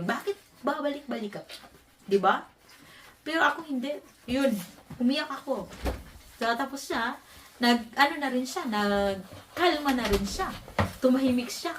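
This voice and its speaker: A woman from the Philippines, a vlogger, telling a personal story in an animated, emphatic way, often breaking into laughter. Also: high voice, recorded from a distance, a little hiss or hum. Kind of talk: casual storytelling.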